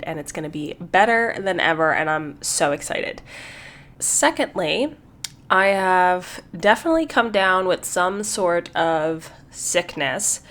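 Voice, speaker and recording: A woman's voice: on the low side, fairly bright tone. A woman hosting her own podcast in casual solo talk, a little congested, chatty and repeating words as she thinks. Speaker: podcast host.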